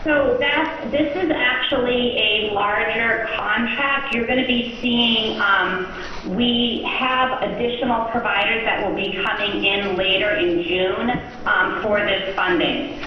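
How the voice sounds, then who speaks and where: A woman's voice: on the high side, fairly even intonation, slight background noise. Woman on a muffled echoey phone line. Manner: frequent um fillers, halting phrasing. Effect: speaking over a phone line. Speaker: state department official. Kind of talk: answering council questions at a public meeting.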